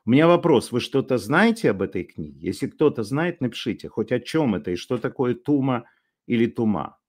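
A man giving an unscripted monologue commentary, sardonic and halting, with many drawn-out filler sounds. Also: medium pitch, sing-song, darkish tone, slightly rough.

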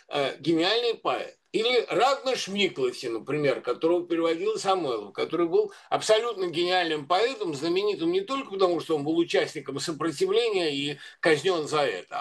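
A man with a high-pitched voice talks at length in a discursive, conversational way. He pauses often with filler sounds and restarts his sentences as he goes. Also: a bit bright. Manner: discursive, many hesitations and restarts. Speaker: guest commentator. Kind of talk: conversational commentary.

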